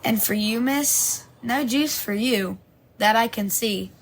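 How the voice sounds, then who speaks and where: A woman's voice: a little high, slow. A woman voicing a cheerful young male waiter who speaks in sing-song rhymes, in a hobby audio story. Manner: sing-song rhyming speech.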